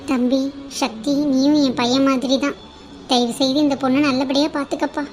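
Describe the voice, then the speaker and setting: A grieving cartoon mother-in-law who keeps apologizing, voiced by a woman. Her voice sits high, and her tone is soft and pleading. A faint hum of ambient noise runs under her. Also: little pitch movement, normal speed, natural voice. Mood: sorrowful. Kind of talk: cartoon voice acting.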